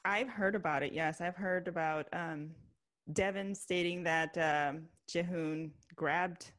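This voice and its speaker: A woman in casual chat, measured and reflective, with many fillers. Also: fairly low pitch, fairly even intonation, fairly bright tone. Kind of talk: casual chat about a reality show.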